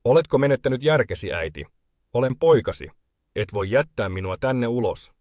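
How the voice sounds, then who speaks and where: A man voicing a desperate adult son who shouts and pleads at his mother. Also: mid-range voice, expressive, no room sound, clean studio sound, lightly acted. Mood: pleading. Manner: pleading, loud.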